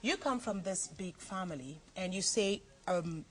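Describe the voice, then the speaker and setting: A woman's voice: on the low side, animated, a little slow. A woman from Cameroon hosting a TV interview, asking chatty, probing questions. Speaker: TV host.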